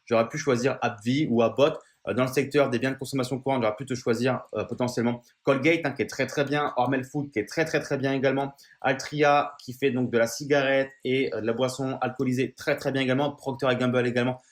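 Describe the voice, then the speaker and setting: A man's voice: medium pitch, fairly even intonation, fast talker. Casual guy talking stocks to his viewers, lots of ums and restarts. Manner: chatty, informal, many fillers and restarts; addresses viewer familiarly. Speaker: finance YouTuber. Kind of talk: casual explainer video.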